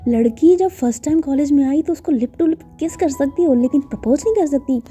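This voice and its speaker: A woman's voice: sits high, brisk, dark tone, natural voice. Woman voicing a bossy teasing best friend. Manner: teasing, insistent, scolding. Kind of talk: storytelling voice acting. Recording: dull lo-fi recording with faint music.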